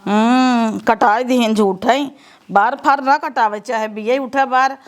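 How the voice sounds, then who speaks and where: Woman playing sarcastic village mom, awadhi accent, highish voice, scolding. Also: fairly even intonation, unhurried, dry recording, close to an everyday voice. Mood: teasing. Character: rustic mother, sharp-tongued and teasing. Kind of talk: comedy sketch.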